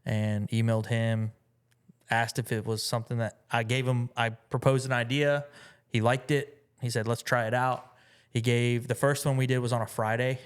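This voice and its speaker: Smooth-voiced man chatting as a guest. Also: medium pitch, little pitch movement, moderate pace. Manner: rambling, with many fillers and restarts. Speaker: musician guest. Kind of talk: casual interview chat.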